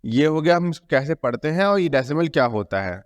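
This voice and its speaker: Guy teaching decimals to a class, kinda high voice, long echo in the room. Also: animated, brisk, lo-fi sound. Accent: Indian English. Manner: repeats key terms, asks and answers own questions; mixes English terms into Hindi explanation. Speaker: math teacher. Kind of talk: classroom lesson explanation. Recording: long reverb.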